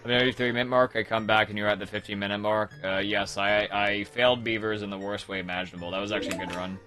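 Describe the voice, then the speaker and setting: A man chatting loosely as he streams. He rambles and restarts his sentences, and jokes at his own expense. His voice sits fairly low, and clear music plays under him. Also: fairly even intonation, fast. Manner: rambling and self-mocking, with many restarts. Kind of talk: casual chat. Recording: background music over the voice.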